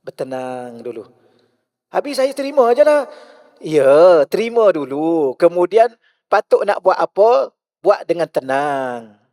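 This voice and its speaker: A male religious teacher with a Malaysian Malay accent, giving a mosque lecture full of rhetorical questions, shifting between loud and hushed. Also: on the high side, big pitch swings, slow pace, no room sound, studio quality.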